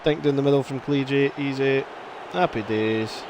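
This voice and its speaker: A man's voice: medium pitch, moderate pace, noisy background. A man commentating casually on his own live game stream, chatting and reacting to the play. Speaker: gaming streamer.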